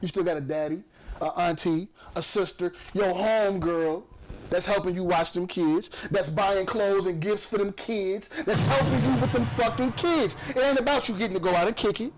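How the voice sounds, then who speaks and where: A man's voice: high-pitched, normal speed, a little hiss or hum. A man hosting a podcast, ranting in a casual, profane and emphatic way. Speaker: podcast host; truck driver.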